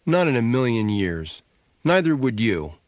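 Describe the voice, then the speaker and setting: A man voicing a sharp-tongued, sarcastic adult sister, needling and scornful, in an audiobook. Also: medium pitch, very animated, measured pace, dry recording.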